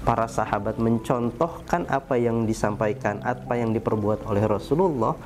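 A man in his thirties from Indonesia gives a short morning sermon at a desk, calm and unhurried, with gentle fillers. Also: lowish voice, creaky, a little hiss or hum. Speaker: preacher and founder. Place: small indoor office studio with poster wall. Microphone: seated at desk, camera at medium distance.

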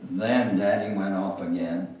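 An older man in his seventies or above, a guest speaker, stands at a music stand in a church sanctuary and reads his memoir dramatically to a congregation. He speaks slowly and deliberately at a middling pitch, with fairly even intonation and a slightly mellow tone. The microphone is distant, and the room is very echoey.

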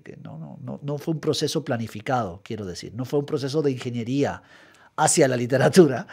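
During a radio interview in a studio, a middle-aged Guatemalan writer gives considered, methodical replies, often repeating words as he searches. His medium-pitched voice is husky with a darkish tone, picked up by a studio mic.

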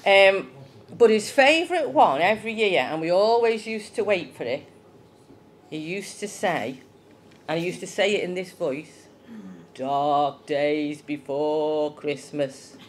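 A woman's voice: mid-range voice, a little hiss or hum. A woman giving a chatty children's talk in church, asking the young ones questions.

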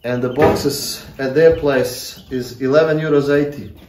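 In an echoey stone workshop shed with faint background noise, a homesteading vlogger in his thirties works and talks casually to a phone held at arm's length, self-deprecating and using many fillers. His medium-pitched voice is steady, unhurried and darkish in tone.

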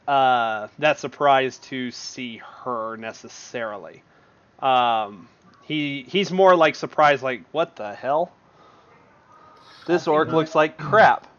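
A man with a fairly high, slightly bright voice acts as game master for an online tabletop session, narrating loosely with lots of fillers and frequent laughter. The audio is dull, lo-fi voice chat.

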